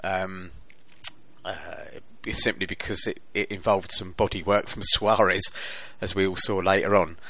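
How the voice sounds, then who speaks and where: A man talking football on a remote call whose connection keeps breaking up, his voice dropping out and his words halting. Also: deep voice, level tone, sharp tone. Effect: breaking-up internet call, voice dropping out. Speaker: podcast panelist on a remote line. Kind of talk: casual football chat.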